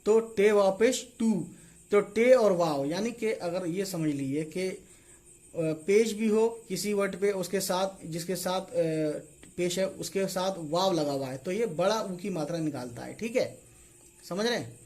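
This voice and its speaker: A man's voice: sits high, a little slow, a little mellow. A man teaching reading as a casual online lesson, spelling out letters and checking in after each point. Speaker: Urdu teacher.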